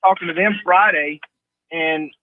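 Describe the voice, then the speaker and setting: Phone-in guest: man, high voice for a man, easygoing rambler, thin phone-line sound, dry. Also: fairly even intonation, measured pace, no echo. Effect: heard over a telephone line. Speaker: phone-in guest, mortgage lender. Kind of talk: casual radio chat.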